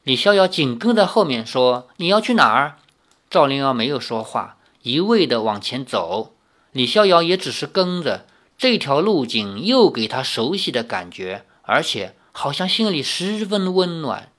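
A man's voice: medium pitch, sing-song, moderate pace, fairly bright tone. A man reading a novel aloud as an audiobook, telling the story expressively. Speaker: narrator.

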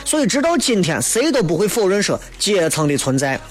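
A man with a rather high voice and a Shaanxi accent hosts a talk show. He speaks in loose, colloquial commentary, pushing his opinions and checking in with rhetorical tag questions. Faint music sits behind his voice. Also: big pitch swings, fairly quick.

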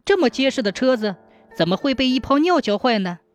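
A woman's voice: sits high, very animated, brisk, voice pushed up. A woman voicing a frightened stonemason who talks in flustered exclamations. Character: frightened young man, a stonemason.

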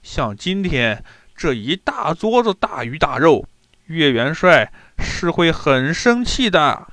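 A man voicing a boisterous, hard-drinking general who brags loudly, in a storybook reading. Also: fairly high pitch, sing-song, slow, no echo, exaggerated voice. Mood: boastful. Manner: loud, jovial bragging.

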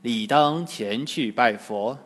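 A man voicing a stern but gentle-hearted monk master who scolds in a measured way. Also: medium pitch, voice pushed down. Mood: resigned. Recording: long hall reverb.

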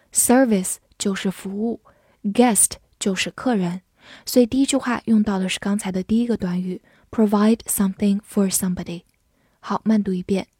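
Mellow woman teaching English words. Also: mid-range voice, husky, no room sound, studio quality. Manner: spells words letter by letter, reads examples slowly. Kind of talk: vocabulary lesson with slow read-alongs.

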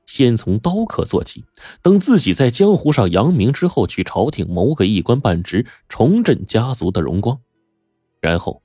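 A male storyteller narrating a folk tale with dramatic flair. His voice sits low but moves widely, recorded dry and close with faint music behind. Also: warm tone, no room sound.

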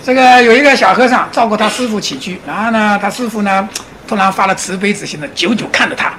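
A man giving a public lecture, animated, often asking his audience rhetorical questions and chuckling as he explains. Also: sits high, fast. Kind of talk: public lecture on Chinese classics and Zen.

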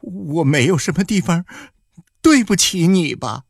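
A man's voice: on the high side, very animated, unhurried, no room sound, clean studio sound, pitched above the performer's own voice. A man voicing a desperate village woman who pleads tearfully and insistently, in an audiobook. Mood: pleading. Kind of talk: audiobook character voice.

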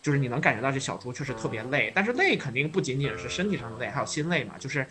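A man co-hosting a casual podcast discussion, arguing his view with lively restarts and asides. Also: medium pitch, very fast. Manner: animated, argumentative, many restarts. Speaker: podcast co-host.

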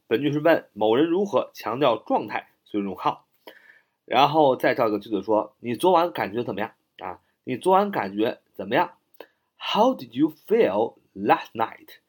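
Lively-voiced man teaching English grammar. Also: medium pitch. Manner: repeats English sentences slowly, spells words letter by letter. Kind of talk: explaining English grammar in Chinese.

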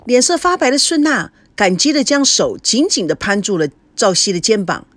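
A woman's voice: a little high, moderate pace, no echo. A woman narrating a romance novel as an audiobook, voicing each character in turn. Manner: expressive, voices each character.

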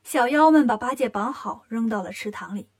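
A woman narrating a children's story in a lively, expressive way. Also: a little high, a little fast.

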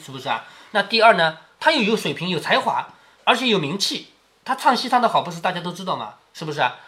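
Animated, chatty storytelling dad. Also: male voice, sits high. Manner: chatty, explaining, often asks "是不是啊". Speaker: father reading to his daughter. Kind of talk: storytelling reading with commentary.

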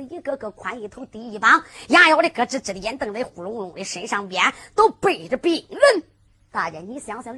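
A woman's voice: sits high, fairly bright tone, husky. A woman storyteller, narrating dramatically in a half-spoken, half-sung folk storytelling style. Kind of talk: Henan zhuizi sung storytelling.

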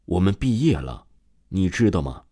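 A gentle teenage girl who asks her questions quietly and hesitantly, as a man reading the story gives her lines. The voice stays low, yet the delivery rises and falls freely. It sounds like a storybook reading rather than full acting. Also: very animated, normal speed, dry recording, studio quality. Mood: wistful.

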